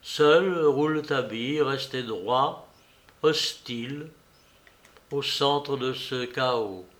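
A man reading a novel aloud as narrator, slow and deliberate. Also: medium pitch, fairly bright tone. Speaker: audiobook reader.

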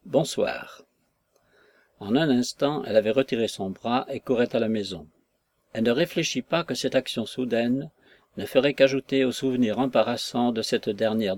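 This is a man narrating a classic novel for an audiobook, steady and even in pace. The voice sits in the middle range, with no echo present.

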